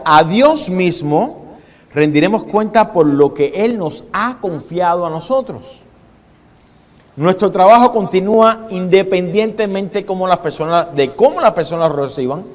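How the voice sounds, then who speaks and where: A man preaching a sermon as a pastor, dramatic, shifting his pace and loudness and putting questions to his congregation. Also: sits high. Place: church hall with congregation. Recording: long hall reverb.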